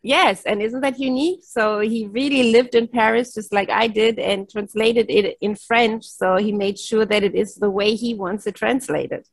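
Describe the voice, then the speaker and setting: A middle-aged woman whose first language is German, working as a keynote speaker, chats cheerfully on a headset over a video call from her home office, laughing often and dropping many yes and right tags. Her medium-pitched voice is steady and moderately paced with hardly any pauses, and there's no echo.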